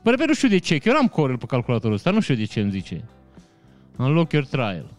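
A man's voice: mid-range voice, huge pitch swings, soft background music. A man hosting a casual live stream, greeting viewers by name and answering chat comments with frequent laughs. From Romania.

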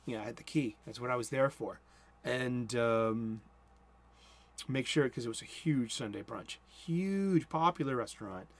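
Speaking from a cluttered room at home, a Boston-accented man in his forties delivers a casual sermon, rambling and cutting himself off as he goes. He mumbles and speeds up when excited. As host, he talks at a normal speed in a mid-range voice.

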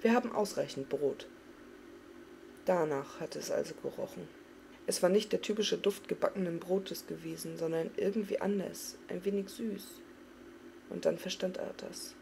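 A woman giving an expressive, dramatic reading of a fantasy novel. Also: on the low side, normal speed, gravelly, slight background noise. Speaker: audiobook reader.

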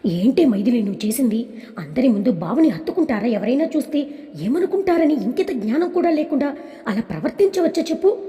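A stern, scolding old grandmother, as a woman narrator puts her on. Her voice sits a little high and mellow, with a long reverb trailing behind it. She talks sharply and keeps up the reprimand. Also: expressive, fairly quick.

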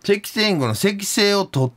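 A man's voice: high voice, lively intonation, moderate pace, a bit bright. A man with a Kansai accent hosting a radio chat show, chatty and playfully teasing his guests. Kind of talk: casual studio chat.

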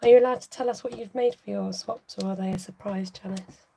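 A woman's voice: medium pitch, steady tone, brisk, creaky, mellow, slight background noise. A woman hosting a live craft tutorial, chatting casually to her viewers while she works.

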